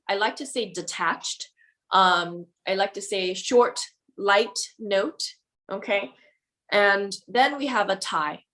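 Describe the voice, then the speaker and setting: A woman's voice: medium pitch, fairly bright tone. A woman piano teacher giving a music theory lesson to her students, explaining patiently and checking in often with "okay?" and "right?".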